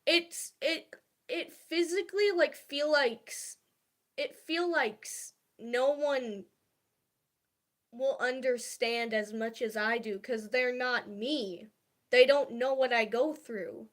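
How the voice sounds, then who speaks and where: Slow, halting young woman streamer. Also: high-pitched. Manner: halting, hesitant, lots of fillers and restarts; confiding and soft-spoken about feelings. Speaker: livestreamer. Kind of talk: casual livestream chat.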